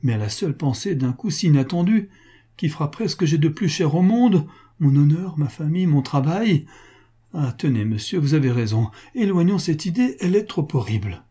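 A man playing an upright factory owner in a storybook reading, his husky, dark voice strained with anxiety. He refuses with dignity and pleads with fear behind the politeness. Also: on the high side, lively intonation, normal speed, voice pushed up. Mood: panicked. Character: upright male factory owner, frightened debtor.

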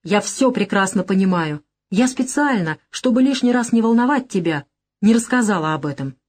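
A woman's voice: medium pitch, lively intonation, moderate pace, a little mellow, voice pushed up, close to an everyday voice. A woman reading an audiobook, voicing a sly, teasing young woman who is a gangster's girlfriend. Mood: coaxing.

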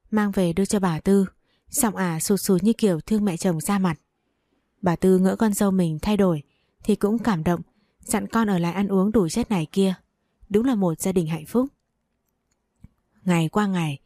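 A woman's voice: medium pitch, moderate pace, long pauses, mellow, no echo, studio quality. A woman reading a family drama story aloud as a storyteller, taking the dialogue in her own voice. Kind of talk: scripted story narration.

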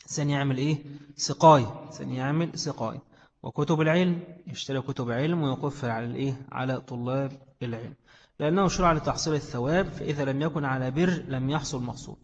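The speaker is a male religious studies teacher whose Egyptian accent comes through as he explains a text to a class and fields his own questions. He has a mid-range voice and speaks fast. Sound quality is dull and lo-fi, with hall echo.

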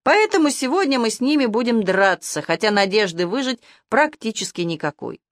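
Woman acting a gruff old werewolf major. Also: fairly high pitch, very animated, a little fast, no room sound, clean studio sound, voice pushed up. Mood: grim. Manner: ranting, lecturing.

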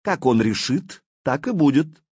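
A man voicing a cunning, evasive nobleman who flatters his prince. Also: mid-range voice, a little slow, slightly rough, dry recording, muffled recording, voice pushed up. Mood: sly. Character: sly scheming older male boyar.

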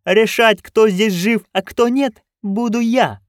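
Guy putting on a high bossy duchess voice, snappy and cold, dry close mic. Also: takes it slowly, dry recording. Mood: imperious. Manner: commanding, sharp. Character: haughty shrill noblewoman, imperious and scheming. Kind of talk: audiobook character voice.

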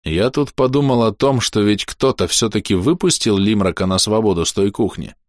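A man voicing a cold, calculating man who speaks in a measured, clear tone. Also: fairly low pitch, animated, no room sound, studio quality, close to an everyday voice.

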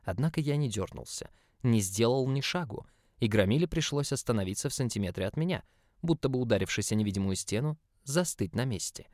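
A man's voice: mid-range voice, lively intonation, fairly quick, darkish tone, no room sound, clean studio sound. A young man reading a first-person novel aloud as a tense, brooding inner monologue. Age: young adult. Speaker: audiobook narrator.

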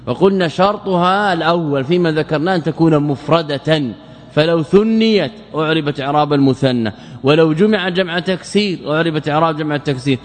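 Male grammar teacher, slightly high voice, quizzes the class and drills each rule by repetition; recorded in a reverberant lecture hall. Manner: questioning students and answering himself; repeats key phrases for emphasis.

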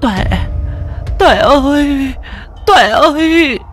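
A man's voice: extremely high pitch, fairly even intonation, slow, creaky, a bit bright, soft background music, voice pushed up, full character voice. A man voicing a frail, dying grandmother who cries out in anguish. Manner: gasping, pleading cries. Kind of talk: audiobook voice acting.

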